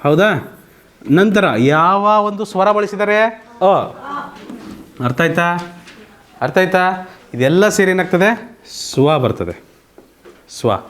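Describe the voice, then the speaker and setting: A man with a Karnataka accent teaching a slow, patient online grammar lesson, often asking students whether they understand. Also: sits high, fairly bright tone, a little hiss or hum. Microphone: computer mic on an online class call.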